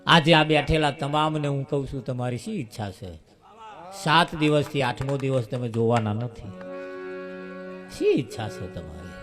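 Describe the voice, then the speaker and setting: A man's voice: mid-range voice, normal speed, music in the background. A man preaching a devotional sermon, telling a story and addressing his listeners directly.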